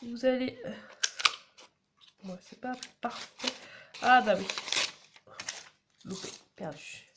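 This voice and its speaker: A woman talks her viewers through a card-making demonstration, chatty and explaining each step as she goes. Her voice sits a little high. The recording carries clear background noise. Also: slow, pauses often. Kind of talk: casual crafting tutorial.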